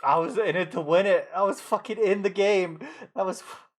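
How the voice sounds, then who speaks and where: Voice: medium pitch, normal speed. A livestreamer talking at home on a desk mic, swearing often and venting frustration in casual gaming-stream commentary. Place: indoors at home.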